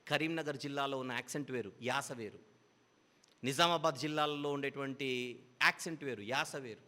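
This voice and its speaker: A man's voice: mid-range voice, fairly quick, bright, forceful tone, long reverb tail. A man preaching a Bible teaching sermon, explaining patiently with repeated parallel phrases.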